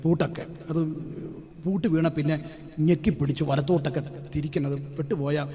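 A male priest giving a sermon in a storytelling way, with sudden loud, emphatic outbursts. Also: fairly high pitch, steady tone, a little fast. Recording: long hall reverb.

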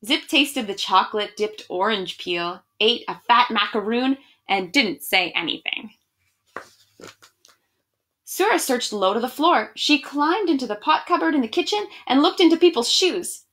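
A young adult woman, at home in a small room, gives an expressive picture-book reading and speaks casually to children. Her slightly high, a bit bright voice has lively intonation and a moderate pace.

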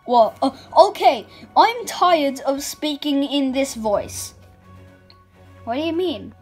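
A woman voicing a fed-up male bottle cap contestant in an amateur animated object show. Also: sits high, faint music behind. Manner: fed up, halting.

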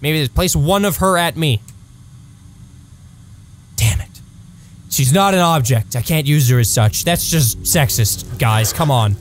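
A man streaming a video game live, reacting loudly, laughing at his own mistakes and swearing casually as he goes. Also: a little slow, pauses often, faint music behind. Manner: excitable, jumps to high-pitched yelps when thanking subscribers. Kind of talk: live gameplay commentary.

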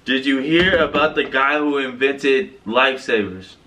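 A man's voice: mid-range voice, a little slow, pushed and bright. A young man in casual, slangy banter, reading out jokes with some exasperation in a room. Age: young adult. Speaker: challenge participant. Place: small bedroom, indoors. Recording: noisy room, distant microphone.

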